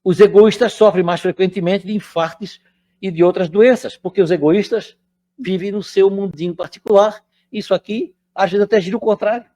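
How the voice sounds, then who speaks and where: High-voiced older man giving a chatty talk. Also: steady tone, normal speed, mellow. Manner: chatty, keeps checking in with the audience. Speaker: spiritist lecturer. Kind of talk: conversational spiritual lecture.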